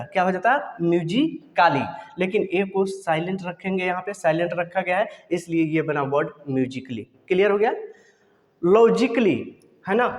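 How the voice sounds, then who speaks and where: A man's voice: sits high, in a large hall. A man teaching a video lesson, asking questions and answering them himself.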